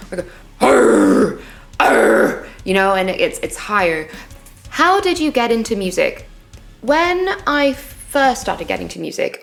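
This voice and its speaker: Brief: young woman vlogger, bubbly and playful, slightly gravelly fry, faint music underneath. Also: medium pitch. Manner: bubbly and playful, makes silly sound effects. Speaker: singer and vlogger. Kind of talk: casual Q&A vlog.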